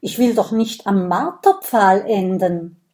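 A woman's voice: medium pitch, expressive, takes it slowly, mellow. A woman voicing an anxious, clever young female character in a children's audiobook. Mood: fretful. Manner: fretful, explaining.

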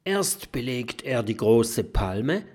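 A man voicing an excitable, indignant female porcupine in a children's storybook. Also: medium pitch, slow, husky, heavily acted. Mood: excited.

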